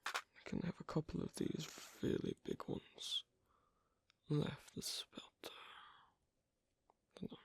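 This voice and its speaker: In an ASMR roleplay, a performer voices an asocial, awkward werewolf teaching sewing on a date, speaking in a natural, breathy, husky half-whisper. The quiet instructions come in halting, terse phrases with clipped grammar, as from a non-native English speaker, and the mood is gentle and hesitant.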